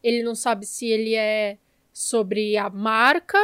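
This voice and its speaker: A woman's voice: fairly high pitch, level tone, slow, fairly bright tone, clear, resonant tone, dry recording, studio quality. A Brazilian woman co-hosting a podcast in casual film discussion, with an informal, opinionated and emphatic way of talking. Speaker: podcast co-host.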